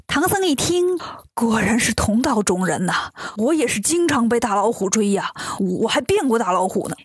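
A woman tells a children's story in a lively, homely, chatty style. Her voice sits fairly high. The recording is close and dry, with no room sound. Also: moderate pace, husky, no room sound.

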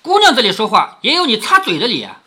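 A man's voice: extremely high pitch, huge pitch swings, brisk, bright, forceful tone, husky, heavily acted. A man reading the lines of a tactful young head maid, firm yet placating, in a storybook reading.

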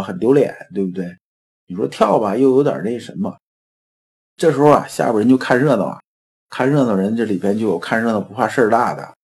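A man's voice: lowish voice, a little mellow, breathy edge. A man lecturing on classical philosophy in a conversational storytelling way, trailing his phrases and asking rhetorical questions.

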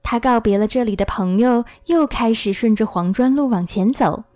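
A woman reading a children's story aloud as a storyteller, in a gentle, clear telling. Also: a little high, normal speed, no room sound.

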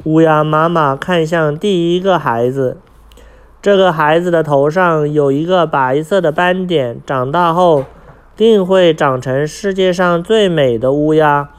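A man reading a children's picture book aloud, pausing to ask his young listeners questions. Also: fairly high pitch, clean tone. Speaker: storyteller.

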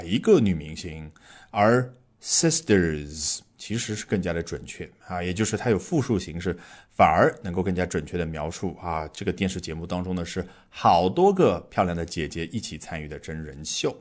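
A man hosting an English lesson podcast, explaining vocabulary in a chatty way with frequent fillers and rhetorical questions. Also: deep voice. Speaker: English teacher and podcast host.

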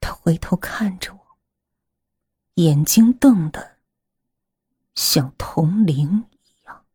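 Female horror storyteller, hushed and breathy, lively pitch swings, close and dry. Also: takes it slowly, dry recording. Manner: hushed, breathy, often whispering.

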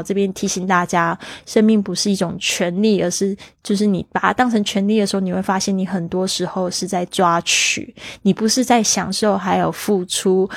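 A woman's voice: fairly low pitch, no room sound. Chatty woman teaching English, dry close sound. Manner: explains English words slowly, repeating them for learners. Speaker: podcast host and English teacher. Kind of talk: chatty bilingual language lesson.

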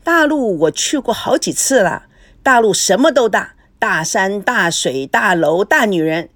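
A woman voices a smooth-talking, flirtatious middle-aged man for a storybook. He wheedles and jokes in a lively, swooping voice, recorded close and dry. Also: medium pitch, unhurried, no echo. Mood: flirty, glib. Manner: wheedling and glib.

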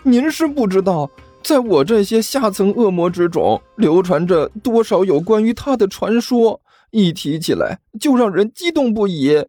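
A man voicing an excitable, stammering male low-rank demon servant who gushes about his idols. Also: a little slow, no echo, faint music behind. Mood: eager. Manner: stammering, breathless and gushing.

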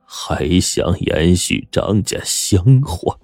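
A grief-stricken rich squire, no longer young, bitter at his core, as a man puts him on. His voice swings widely from a heavy low mutter to cracked, high cries of despair. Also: animated, very slow, darkish tone, dry recording, soft background music, full character voice.

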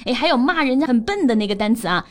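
A woman co-hosting a casual bilingual English lesson, reading English example sentences slowly and then translating them. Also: fairly high pitch, lively intonation, faint music behind. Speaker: co-host of an English lesson podcast.

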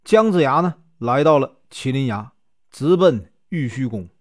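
Lively Northeastern Mandarin male storyteller. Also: mid-range voice, dry recording, studio quality. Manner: lively, with drawn-out filler particles. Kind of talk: storytelling narration.

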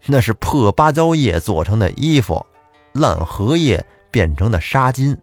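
Lively male folk-tale storyteller. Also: medium pitch, a little slow, no room sound, soft background music. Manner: chatty, addresses the listener.

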